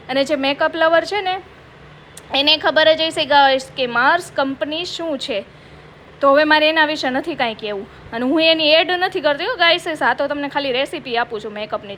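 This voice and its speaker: Chatty high-voiced woman vlogger. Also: bright, forceful tone, a little hiss or hum. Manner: playful self-mocking, addresses viewers as guys. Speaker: comedy vlogger. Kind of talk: comic makeup vlog, chatty. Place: office.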